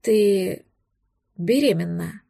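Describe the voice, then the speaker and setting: A woman voicing a hushed ancient dragon man. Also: normal speed, vocal fry, no echo, studio quality. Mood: stunned. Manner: hushed, low and pleading. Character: thousand-year-old male dragon lover, anxious and tender.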